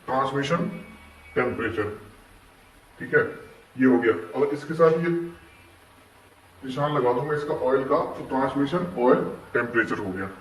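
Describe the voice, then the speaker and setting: A man explaining warning symbols to learners in a patient, step-by-step way, often asking whether it is clear. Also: mid-range voice, moderate pace, reverberant, recorded from a distance, a little hiss or hum, low-quality recording. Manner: patient, checks understanding with repeated questions. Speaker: instructor explaining dashboard warning signs. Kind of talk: classroom-style explanation.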